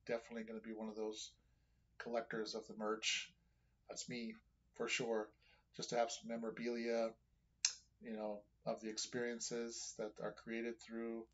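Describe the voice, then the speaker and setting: A man's voice: on the low side, slightly rough, highs cut off. A man hosting a music reaction video, talking to his viewers in a casual, enthusiastic and rambling way.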